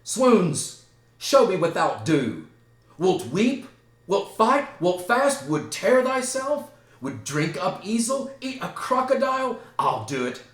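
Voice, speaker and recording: A man voicing a grief-wild young prince, declaiming loudly and rising to outbursts. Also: lowish voice, animated, measured pace, few pauses, echoey room. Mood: raging.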